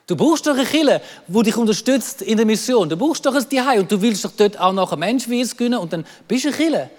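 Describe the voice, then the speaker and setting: A man with a Swiss German accent preaching a lively sermon, acting out quoted voices and repeating words as he goes. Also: sits high, fast, big-room sound. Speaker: pastor.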